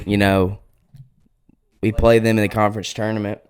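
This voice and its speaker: A young man with a fairly low voice co-hosts a casual sports podcast. He tells his stories with animated, teasing energy. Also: normal speed, clean tone. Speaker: podcast co-host.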